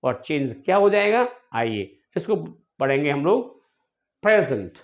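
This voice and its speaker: A male English teacher giving an online grammar lesson, drilling words by repeating them slowly and addressing viewers fondly. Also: a little high, sing-song, highs cut off.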